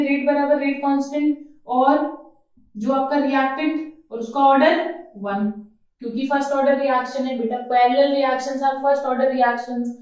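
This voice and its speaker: A woman with a fairly high voice gives a chemistry lecture. She coaxes her students along and keeps checking that they follow. The sound is very echoey, picked up from well away from the mic. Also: a little mellow. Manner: coaxing, checks understanding, calls students "beta". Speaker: chemistry teacher. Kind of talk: classroom lecture. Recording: very echoey room, mic far off.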